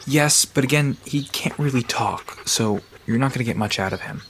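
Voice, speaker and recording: In an audio drama, a man plays Sam, an easygoing park guide to cryptids, explaining things in a relaxed, conversational way. His voice is medium-pitched, fairly bright, close to everyday speech and at a moderate pace, with a little hiss or hum.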